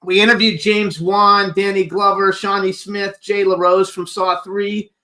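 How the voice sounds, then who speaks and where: Enthusiastic guy host, high bright voice, informal chatty interview, swears a bit. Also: little pitch movement, measured pace. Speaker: talk show host. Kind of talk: casual interview chat.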